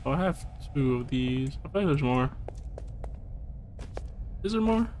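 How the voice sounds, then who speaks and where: A man giving let's-play commentary on a game, talking to himself in slangy, profane bursts and shouting when startled. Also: mid-range voice, expressive, unhurried, background noise. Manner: slangy casual speech. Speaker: gaming video host.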